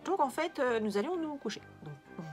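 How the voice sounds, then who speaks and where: A woman's voice: high voice, animated, brisk, over music. Sarcastic French-speaking woman telling her story. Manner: sarcastic, laughs at her own stories. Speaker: video creator on narcissistic abuse. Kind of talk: casual confessional vlog.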